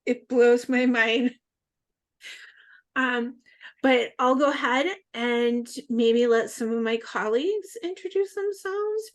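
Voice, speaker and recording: A woman hosts a webinar over a video call in a relaxed, friendly way, dropping fillers as she goes. Her voice sits a little high. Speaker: webinar host. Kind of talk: casual hosting. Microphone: video call mic.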